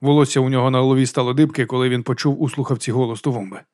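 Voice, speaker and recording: A man's voice: mid-range voice, rapid-fire, no room sound. Man reading an audiobook, dry sound. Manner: steady storytelling. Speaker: audiobook reader. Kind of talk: audiobook narration.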